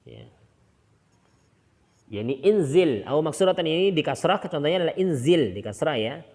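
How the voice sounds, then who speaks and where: A man gives a recorded Arabic grammar lesson in a somewhat high voice. He reads the example sentences slowly and deliberately, then rushes through his explanations. A long reverb trails behind his voice. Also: very animated, a little mellow.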